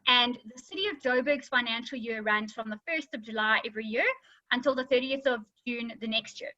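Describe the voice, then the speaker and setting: A woman, a lawyer, giving a clear explanatory webinar talk with a slight slur from recent dental work. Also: fairly high pitch, brisk, pushed and bright, dry recording, highs cut off. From South Africa. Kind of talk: webinar presentation.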